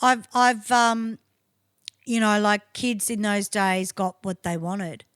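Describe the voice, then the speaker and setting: A woman's voice: medium pitch, slow pace, fairly bright tone, smooth, dry recording, studio quality. A middle-aged woman with an Australian accent, co-hosting a casual podcast chat, enthusiastic and freely swearing. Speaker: podcast co-host.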